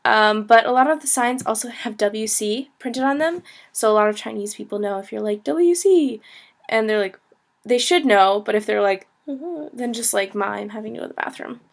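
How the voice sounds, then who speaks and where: A woman's voice: mid-range voice, fairly even intonation, brisk, gravelly. A young woman in her twenties giving a casual video lesson as a language teacher and travel blogger, chatty and laughing, with many ums and likes.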